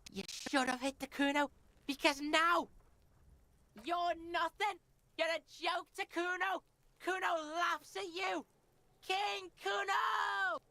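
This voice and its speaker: A woman's voice: high-pitched, bright, forceful tone, no room sound. A woman voicing a crude, foul-mouthed boy who mocks and taunts in the third person. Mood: menacing.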